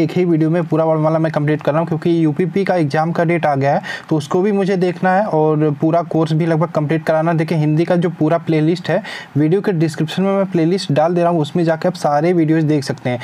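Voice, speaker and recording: A man's voice: a little high, steady tone, fast, mellow. A young man teaching an exam-prep lesson, asking questions and answering them himself. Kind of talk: spoken lesson.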